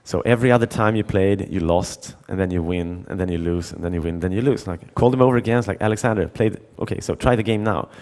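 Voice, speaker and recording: A man's voice: sits low, fast, few pauses, darkish tone. A middle-aged man giving a conference talk, telling a story with many restarts and repeated words and acting out the dialogue. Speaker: conference speaker.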